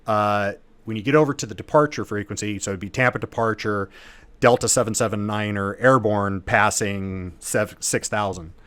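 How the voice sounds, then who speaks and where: The aviation lesson's host speaks in a lowish, somewhat bright voice, with no echo in the recording. He explains things one step at a time in a relaxed, conversational manner, full of technical jargon.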